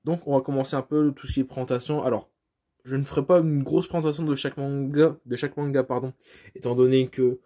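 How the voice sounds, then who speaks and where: A man's voice: mid-range voice, steady tone, fast talker, warm tone. A man giving a casual home video tour of his shelves, filming on a phone held at arm's length, talking hesitantly with many fillers and restarts and apologetic asides. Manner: self-deprecating, apologetic asides. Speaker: vlogger showing his manga collection.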